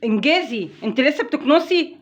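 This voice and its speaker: A woman with an Egyptian accent playing a harsh stepmother who barks quick orders in a home-made family skit. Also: high voice, animated. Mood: bossy.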